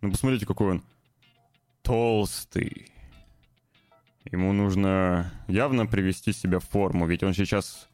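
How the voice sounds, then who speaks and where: A man's voice: low-pitched, fairly even intonation, measured pace, long pauses, darkish tone, clean tone, no echo, soft background music. A man hosting a gaming and film news show, commenting informally and hesitantly with ironic asides.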